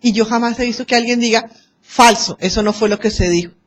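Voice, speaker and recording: A Colombian woman lecturing a class on arbitration, lively and acting out quoted exchanges and anecdotes. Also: a little high, a little fast.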